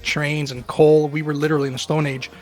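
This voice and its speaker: A man's voice: a little high, flat delivery, fairly quick, darkish tone, soft background music. Rambling New man, around forty. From Queens, New York. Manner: rambling, self-deprecating, many fillers. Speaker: guest. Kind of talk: casual chat.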